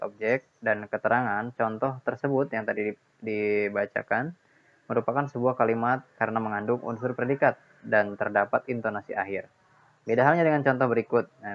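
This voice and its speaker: Man, teacher, grammar lesson, patient, repeats points, dull lo-fi recording. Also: mid-range voice. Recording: dull lo-fi sound.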